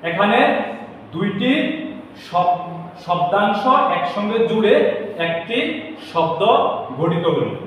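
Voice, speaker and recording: A man tutoring a spoken English lesson who talks slowly and deliberately and spells out words letter by letter. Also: high voice. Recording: echoey room from far off with faint background noise.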